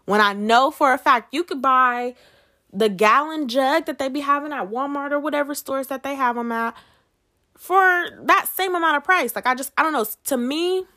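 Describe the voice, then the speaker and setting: A woman runs her podcast alone in a relaxed, conversational style, asking her audience questions. She has a high-pitched voice with a sharp tone and speaks at normal speed.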